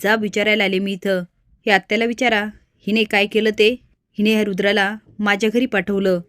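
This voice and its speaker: A woman narrator voicing a defiant young wife who loudly accuses her family. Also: medium pitch, little pitch movement, fairly quick, no echo, clean studio sound, close to an everyday voice. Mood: accusing. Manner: loud, accusing.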